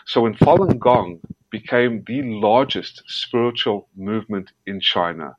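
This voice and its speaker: Here a male investigative journalist from South Africa is interviewed as a guest, replying earnestly and emphatically while often stumbling and repeating himself. His voice is lowish, a little slow and slightly breathy. The dull, dry lo-fi recording carries no room sound.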